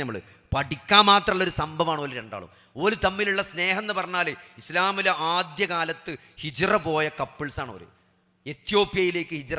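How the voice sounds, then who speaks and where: A man preaches with passion, dropping to a hush and then rising to loud emphasis. His voice sits high and is very bright and cutting. The sermon rings out with a long hall reverb. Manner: impassioned, swings from hushed to loud emphatic preaching; rhetorical questions to the audience. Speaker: Islamic preacher.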